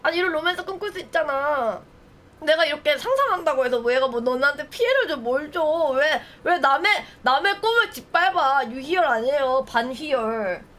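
A woman's voice: high-pitched, expressive, normal speed, a bit bright. A young woman streamer chatting casually with viewers, telling stories playfully and acting out little scenes with laughter.

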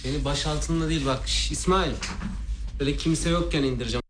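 A man's voice: a little high, fast, background noise, natural voice. An actor playing a volatile, menacing stranded sailor who taunts and threatens his crewmates. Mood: threatening. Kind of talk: film drama acting.

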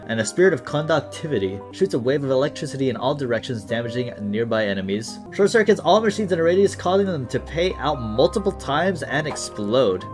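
Excitable young man commentating a game. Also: mid-range voice. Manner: excitable, laughs often, talks to himself and the game. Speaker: gaming YouTuber. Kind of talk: casual gameplay commentary.

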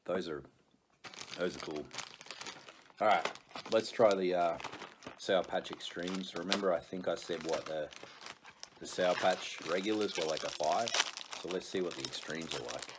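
A middle-aged man chatting casually to a camera on the table while eating sour candy, pausing and reacting as he tastes. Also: low voice. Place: small room indoors. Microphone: camera on the table in front. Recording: clear background noise, crinkling wrappers.

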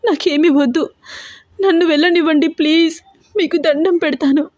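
Woman voicing a sobbing young woman, stammering, high strained voice, dry close sound, storybook. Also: fairly even intonation, moderate pace, a little mellow, dry recording. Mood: tearful begging. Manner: trembling, stammering, tearful. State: crying.

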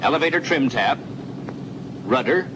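A man of medium pitch narrates a 1940s military training film, his lively intonation and moderate pace close to an everyday voice. Scripted in second person, he explains procedures instructively. Aircraft engine noise drones through the old film soundtrack.

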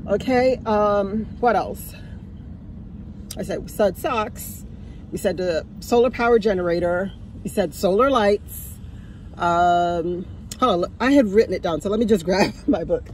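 In a low-quality recording with slight background noise, a woman in her fifties speaks at a measured pace in a mid-range voice. She's a vlogger giving casual advice from a parked car on a sunny day, phone at arm's length, chatty and chuckling as she repeats things for emphasis.

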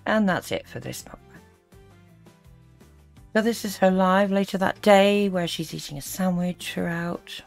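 A woman's voice: lowish voice, measured pace, gravelly, pauses often, soft background music. A woman giving critical reaction commentary as host, disapproving and full of sarcastic asides.

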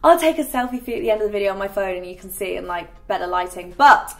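A young woman with a mid-range, slightly bright voice talks fast and expressively. As a beauty vlogger filming a get-ready-with-me video on a bright living room set, she chats casually and fills her speech with "like".

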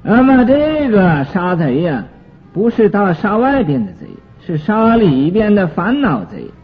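Man, Buddhist lecturer, slow and husky, thin phone-like old recording. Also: high-pitched, big pitch swings. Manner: explains terms slowly with many drawn-out fillers. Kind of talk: sutra commentary lecture. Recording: tinny lo-fi recording with faint music.

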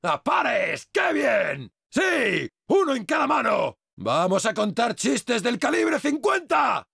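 A hard-bitten male survivor from a video game dub, who barks orders and crude jokes in a Castilian Spanish accent. His gravelly voice climbs and drops a lot as he shouts and grumbles, and the studio sound is completely dry. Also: on the high side, sing-song, normal speed, dry recording, heavily acted. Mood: aggressive. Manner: barked combat shouts and crude wisecracks. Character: foul-mouthed tough male survivor fighting monsters. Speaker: game voice actor. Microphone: dry studio dubbing mic.

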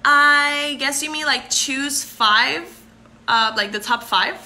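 Speaking slowly in a high, sharp voice, this Puerto Rican pageant contestant in her 20s runs a live stream from a brightly lit room. She responds to viewers' comments, laughs frequently, and switches back and forth between English and Spanish in her Puerto Rican accent. The audio comes from a phone camera held near her.

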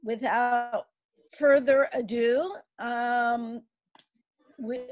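Older woman moderating, high-pitched. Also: steady tone, very slow, a little mellow, no echo, poor audio. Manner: organized, instructive. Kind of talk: moderating a webinar. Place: home study indoors. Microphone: headset on video call.

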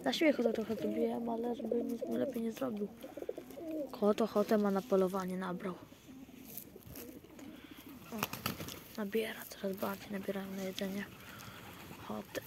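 A man's voice: high voice, flat delivery, normal speed, creaky, pauses often. A man keeping pigeons, talking casually to his viewers outdoors by the loft in a rambling way with many fillers and restarts. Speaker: pigeon keeper. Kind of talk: casual vlog narration to viewers. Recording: outdoor noise with cooing pigeons. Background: pigeons cooing.

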